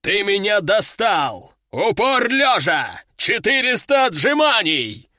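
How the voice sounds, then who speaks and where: A hot-tempered army general shouts slow, drawn-out orders, voiced by a man reading a story aloud. His pitch swings widely from yell to yell. The sound is dry and close. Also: sing-song, no room sound, exaggerated voice. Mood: bellowing. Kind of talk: audiobook character voice.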